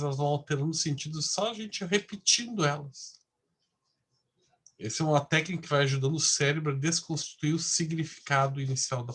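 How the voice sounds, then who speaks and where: A man's voice: medium pitch, a bit bright. Male lecturer, conversational class delivery with constant tag questions.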